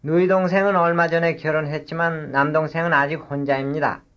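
A man reading a scripted language-lesson dialogue and giving drill cues in a measured, deliberate way. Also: a little high, fairly even intonation, dull audio. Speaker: language course speaker.

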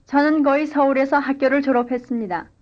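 A woman reading a scripted language-lesson dialogue and drill answers in clear, careful model sentences. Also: high voice, steady tone, fast talker, muffled recording. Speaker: language course speaker.

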